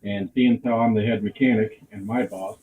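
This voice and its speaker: A man calling into a chat stream over a muffled, bass-heavy connection, joking in a dry, self-deprecating way. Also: steady tone, moderate pace, darkish tone. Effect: muffled, bass-heavy audio with little treble. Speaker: guest caller on a ham radio stream. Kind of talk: casual chat. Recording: muffled phone-like line with faint noise.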